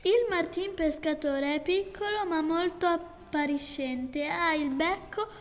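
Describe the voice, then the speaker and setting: A woman's voice: very high voice, slow, long reverb tail, soft background music. A young schoolgirl reading a prepared presentation about a bird. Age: child. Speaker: student presenter. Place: school room.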